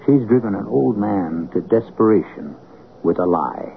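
A man narrates a radio drama in a low, creaky voice. His delivery is measured and sardonic, as a scripted host. The sound is phone-like, with faint music behind. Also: expressive.

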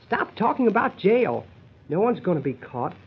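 An impatient, scheming husband in an old radio comedy, bossy and exasperated. His husky voice swings up and down as he cajoles and grumbles. The recording is dull and lo-fi. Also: high voice, very animated, moderate pace, exaggerated voice. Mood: grumbling, hushed irritation.

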